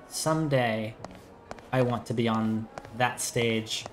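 Very slow-speaking male game streamer. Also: mid-range voice, soft background music. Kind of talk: game streaming commentary, reading subtitles aloud.

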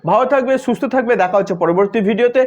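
A man explaining an English grammar lesson, repeating each word slowly syllable by syllable. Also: high voice, dull audio. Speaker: English teacher.

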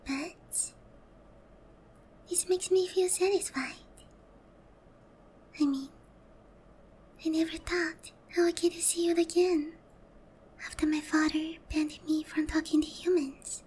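In an intimate ASMR roleplay, a woman voices a gentle young demon queen with a very high, delicate voice that often drops into a breathy whisper. She speaks slowly and hesitantly, pausing between phrases, with fairly even intonation. Her tone is tender and remorseful, and her mood sad and resigned.

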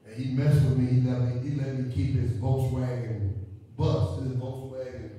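A male pastor preaching into a handheld mic in a small church, rising into sung, shouted phrases as he builds. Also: medium pitch, flat delivery, normal speed. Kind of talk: sermon. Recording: roomy echo, camera at a distance.

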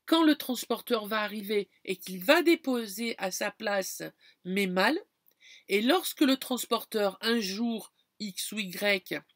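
A woman's voice: on the high side, no echo, studio quality. A woman from France talking casually to her viewers, explaining things with lots of fillers and restarts. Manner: chatty, many fillers and restarts, addresses viewer directly. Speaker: vlogger. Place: campground.

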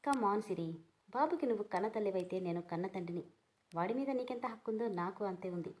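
A calm young husband from a read-aloud story, teasing and cool, as a woman narrator puts him on. He talks evenly and mocks his wife without raising his voice. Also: mid-range voice, fairly quick, natural voice. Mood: firm. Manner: cool, mocking.

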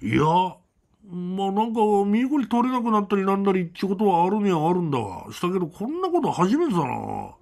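Man playing rattled friend, gravelly husky voice, blunt northern dialect, high and lively. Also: brisk, heavily acted. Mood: uneasy.

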